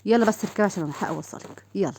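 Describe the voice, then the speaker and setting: A woman's voice: medium pitch, rapid-fire, a little mellow, a little hiss or hum, natural voice. A woman doing a teasing young man. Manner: joking, teasing.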